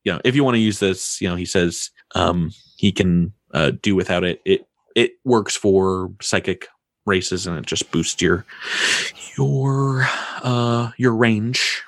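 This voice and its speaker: A man runs a tabletop game as game master, improvising his narration. His voice is on the low side with very little room sound, and he hesitates as he thinks aloud. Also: a little slow, dry recording.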